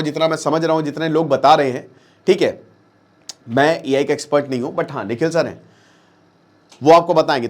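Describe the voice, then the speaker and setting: High-voiced male teacher, chatty and conversational. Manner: conversational, checks in with the listener often; mixes English terms into Hindi speech. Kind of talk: casual explanatory lesson.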